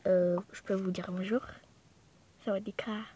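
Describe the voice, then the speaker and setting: Une jeune femme originaire de Thaïlande, bavarde et dispersée, pleine d'hésitations et d'excuses, filmée au téléphone dans son appartement. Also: female voice, mid-range voice, flat delivery, a little slow, noisy background. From Thailand. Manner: chatty, scattered, lots of fillers and apologies. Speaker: vlogger. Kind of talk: casual chat to camera. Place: apartment room at home. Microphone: phone held in hand.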